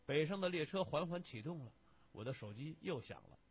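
A man reading a first-person short story aloud on the radio, with lively storytelling narration. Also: on the high side, fairly quick, breathy edge.

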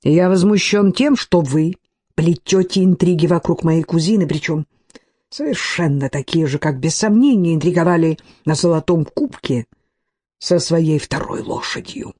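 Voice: medium pitch, normal speed, warm tone, lightly acted. A reader voicing a proud, hot-tempered young aristocrat who speaks curtly and flares up. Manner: curt, seething, rising to outbursts.

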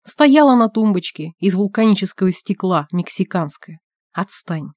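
A man's voice: high voice, lively intonation, normal speed, a little mellow, no room sound, clean studio sound. A woman voicing a sullen, reluctant private detective who answers in short, curt lines. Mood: exasperated. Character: gruff reluctant private detective, man of few words.

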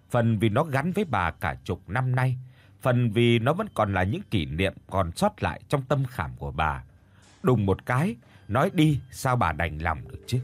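A man narrating a ghost story in an expressive, unhurried manner. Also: mid-range voice.

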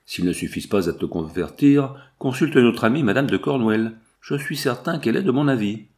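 A man reading as a stern noble father, firm and indignant, in a storybook. the voice sits at an ordinary middle pitch and lectures in long, measured sentences. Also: lively intonation, a little mellow, close to an everyday voice. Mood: lecturing. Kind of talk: audiobook character voice.

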